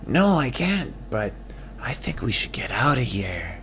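A man voicing a nervous little bat in a bedtime story, in a raised, quick, jittery voice. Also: medium pitch, big pitch swings, gravelly, a little mellow, faint music behind, voice pushed up, exaggerated voice. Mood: anxious.

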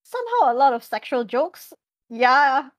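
A young woman, a game master, guests on a podcast and chats casually about running tabletop games. Her high voice is very animated at a measured pace, full of fillers and frequent laughter. The recording is dry.

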